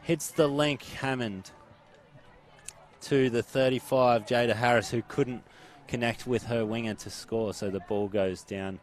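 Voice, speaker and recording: A man's voice: medium pitch, fairly even intonation, unhurried. A man with an Australian accent doing live play-by-play commentary at an outdoor sports ground, upbeat and naming players by number.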